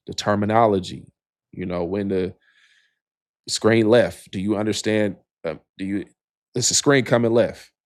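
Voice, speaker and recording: A lower-voiced man co-hosting a sports podcast in an easygoing, rambling way. He leans on "you know" as he thinks aloud. The recording is close and dry. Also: a little mellow, no room sound. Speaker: podcast co-host. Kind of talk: casual sports podcast chat.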